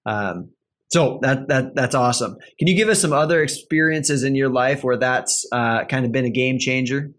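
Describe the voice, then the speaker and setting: A man hosts a casual interview, his voice sitting at an ordinary pitch. He talks loosely and conversationally, full of small fillers, and keeps checking in with "right?" as he builds his point. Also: moderate pace, fairly bright tone. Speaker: podcast host.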